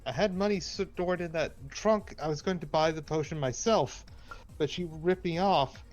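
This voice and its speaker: A man's voice: fairly high pitch, normal speed, darkish tone, muffled recording, faint music behind, natural voice. Man doing an indignant robbed young woman. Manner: earnest, self-assured.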